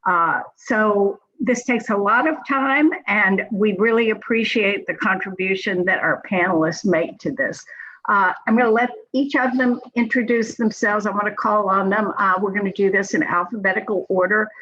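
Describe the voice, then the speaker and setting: A woman's voice: medium pitch, normal speed, a bit bright. A woman introducing panelists one by one over a video call, in a businesslike manner. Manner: brief, businesslike hand-offs. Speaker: program manager chairing a grant panel. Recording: dull lo-fi video call audio.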